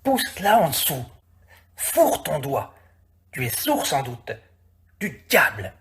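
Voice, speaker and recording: A man voicing a shrill-voiced peasant fisherman in a storybook reading, scolding a slow helper. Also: wildly swooping pitch, fairly bright tone, exaggerated voice. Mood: grumbling.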